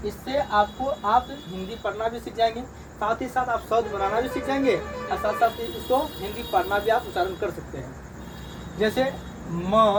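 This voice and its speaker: High-voiced man teaching letters from afar. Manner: slow, repetitive drilling of letters and sounds. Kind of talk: reading lesson for beginners. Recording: distant mic, loud crickets and traffic.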